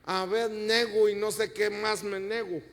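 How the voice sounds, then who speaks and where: A pastor delivering an emphatic sermon, addressing the congregation directly and asking them rhetorical questions. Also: male voice, sits high, little pitch movement, unhurried, gravelly, a bit bright. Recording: long reverb of a church hall.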